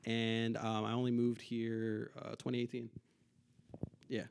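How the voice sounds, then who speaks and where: A young man from Hong Kong is a musician guest on a podcast. He talks in a relaxed, halting way at a middle pitch, with plenty of fillers and quiet murmurs of agreement. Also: vocal fry, smooth. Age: 20s. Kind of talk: casual interview chat.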